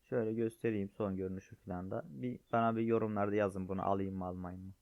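Though clearly unwell and strained, this man chats quickly with his viewers as if they were friends, displaying game items in casual gameplay commentary. His low, steady voice has vocal fry, and the dull, lo-fi recording is dry with no room sound.

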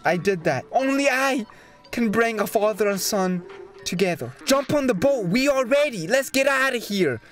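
A man's voice: high voice, lively intonation, moderate pace, fairly bright tone. A man giving casual, playful gameplay commentary, with exclamations and swearing. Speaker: gamer. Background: game music.

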